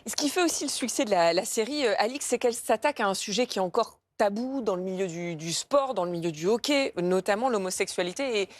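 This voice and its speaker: A woman anchoring a live TV news show, brisk and lively, bantering with a colleague. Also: medium pitch, no room sound.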